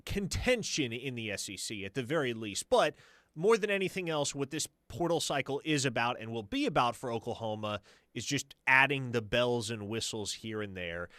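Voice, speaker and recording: A man co-hosting a sports radio show, talking in an animated, emphatic way with a lively, swooping pitch. His delivery is wordy and energetic. The studio sound is dry and close. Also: no echo.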